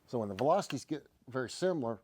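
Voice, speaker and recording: A man with a drawl talks easily and folksily, like he's winding down a late show. His voice is middle-pitched and sits in a dry, close sound with no room around it. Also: animated, very fast, a little mellow, no echo. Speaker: show host. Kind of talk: casual livestream chat.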